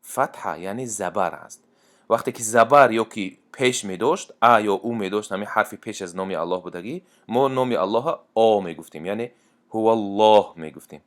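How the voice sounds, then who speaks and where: A man teaching Quran recitation rules, explaining step by step and reciting verse examples. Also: lowish voice. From Tajikistan. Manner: plain explanatory talk, repeats and restarts, then slow drawn-out chanted recitation.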